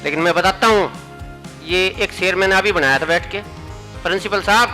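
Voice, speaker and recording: Haryanvi guy doing comic poems on stage, high voice, keeps repeating the punchlines. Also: moderate pace, bright, forceful tone, faint music behind, low-quality recording. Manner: playful, repeats punchlines for the crowd. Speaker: comic poet. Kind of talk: comic poetry recital on stage. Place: stage at a poetry gathering.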